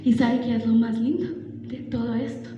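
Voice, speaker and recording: A woman's voice: on the high side, flat delivery, normal speed, dull audio, lightly acted. A woman preacher telling a first-person sermon as Mary Magdalene, a devoted, awestruck disciple, in an emotional, dramatic way. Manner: emotional, dramatic storytelling with exclamations. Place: large church hall at a women's congress. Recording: echoey hall with background music.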